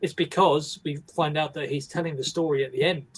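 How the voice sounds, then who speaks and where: A man's voice: a little high, steady tone, a little fast, breathy edge. A man, co-hosting a casual film podcast, rambling and wry, often breaking off mid-sentence. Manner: rambling, self-interrupting, wry. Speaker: podcast co-host.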